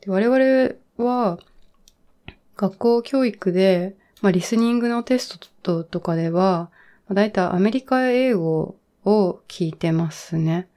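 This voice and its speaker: A woman in her thirties talking in a relaxed, reflective monologue, full of fillers and trailing asides, as she gives advice on learning English. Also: mid-range voice, slow. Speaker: podcast host giving English learning advice. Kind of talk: casual monologue.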